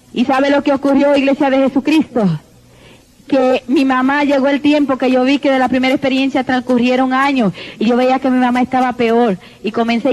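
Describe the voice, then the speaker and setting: A woman's voice: high-pitched, darkish tone. A woman giving a fervent church testimony, repeatedly calling out to the congregation. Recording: dull lo-fi recording.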